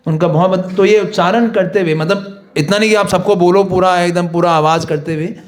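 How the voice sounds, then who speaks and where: Man, high voice, devotional teacher, explains and chants prayers. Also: steady tone, moderate pace. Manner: explains in Hindi mixed with English, chants prayers. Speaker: course teacher. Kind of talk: devotional class lecture.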